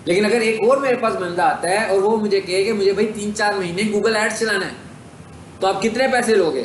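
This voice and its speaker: Pakistani guy teaching a class, fairly high voice, asks stuff then answers it, echoey room w a bit of hiss. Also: brisk. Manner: explains step by step, asks and answers his own questions. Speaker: digital marketing instructor. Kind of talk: classroom lecture.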